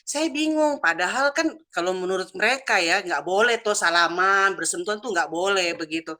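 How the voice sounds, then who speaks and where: A woman's voice: medium pitch, moderate pace, bright, forceful tone. A woman, chatting casually over a video call as she tells a personal testimony and acts out the dialogue in her story. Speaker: church member sharing a testimony.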